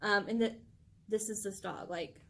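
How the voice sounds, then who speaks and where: A woman's voice: medium pitch, steady tone, moderate pace. A woman co-hosting a vlog. She chats casually about her pet, gushing and filling her talk with "like". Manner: gushing, chatty, full of "like" fillers. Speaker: channel co-host. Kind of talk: casual chat about pets.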